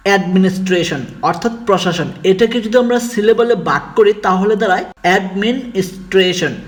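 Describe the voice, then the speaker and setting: Brief: man with a high voice, measured step-by-step narration for an English pronunciation lesson. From Bangladesh. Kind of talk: scripted instructional narration.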